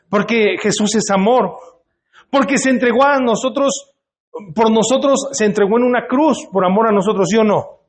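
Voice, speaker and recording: A male pastor, preaching in a church and putting questions to the congregation in a conversational way. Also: sits high. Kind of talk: sermon. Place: church hall.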